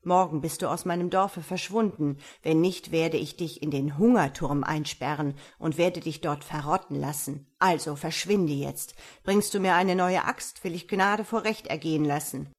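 A woman voicing an angry male count, a nobleman who shouts and scolds in a fairy tale reading. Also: low voice, normal speed, few pauses. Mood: furious.

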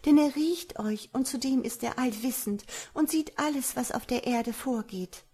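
A woman voicing a beautiful young woman in a fairy tale, speaking high and urgently. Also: moderate pace, mellow, breathy edge. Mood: anxious.

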